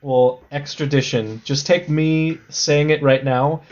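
A man co-hosting a podcast in loose, casual banter. He is excitable and quick to crack jokes at his co-hosts. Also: fairly high pitch, lo-fi sound. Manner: excitable, wisecracking. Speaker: podcast co-host.

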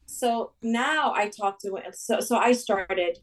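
A woman dentist from Saudi Arabia chatting as an interview guest, animated and full of restarts. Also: mid-range voice, slow pace, recorded from a distance, rough recording. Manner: animated, rambling with many restarts. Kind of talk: casual interview talk.

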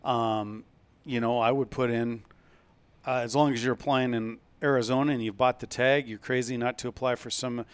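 A man hosting a hunting podcast in a relaxed, casual chat, with many fillers and restarts. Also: mid-range voice, moderate pace, smooth.

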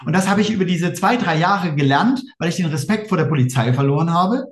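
A man with a German accent telling his story fast and emphatically in a casual interview, acting out quoted exchanges. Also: on the high side, lively intonation, reverberant. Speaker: interview guest.

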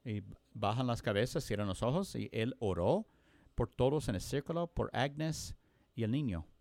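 A man telling a story during a sermon, earnest, with frequent pauses and restarts. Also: mid-range voice, lively intonation, a little mellow, dry recording. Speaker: preacher.

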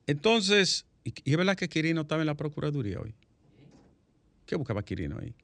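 A Dominican man hosts a news panel show, telling stories with plenty of colour and an occasional curse. His bright voice swings up and down and sits a little high for a man. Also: quick pace, gravelly, no echo. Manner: animated storyteller, swears casually. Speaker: talk show host. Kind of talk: lively panel talk on news.

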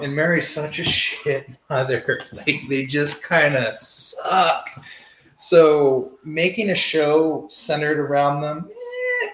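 A man's voice: fairly high pitch, echoey room, poor audio. A man hosting a casual TV review, rambling, sarcastic and profane. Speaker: TV review host. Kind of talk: casual spoiler review chat.

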